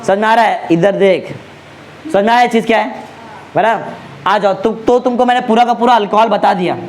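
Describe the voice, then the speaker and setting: A male chemistry tutor lecturing a class, drilling students with constant check-in questions and slowly repeating key names for emphasis. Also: high voice, a little hiss or hum.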